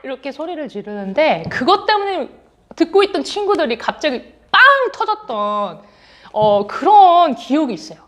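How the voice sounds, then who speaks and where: A young woman giving a children's sermon in an animated storytelling way, acting out what people said and laughing as she tells it. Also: high-pitched, normal speed. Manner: animated, acts out quotes, laughs while telling. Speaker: children's ministry preacher.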